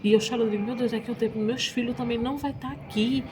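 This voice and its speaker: A woman's voice: fairly high pitch, steady tone, fast, background noise. A woman from Pernambuco, confiding in her viewers as a vlogger. She repeats herself often and keeps turning to address her audience directly. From Pernambuco, Brazil. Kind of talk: emotional personal confession to viewers.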